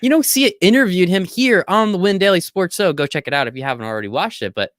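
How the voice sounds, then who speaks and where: A man co-hosting a sports betting podcast, talking in an energetic, jokey way and swearing casually. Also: high voice, fast talker, no room sound, clean studio sound. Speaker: podcast co-host.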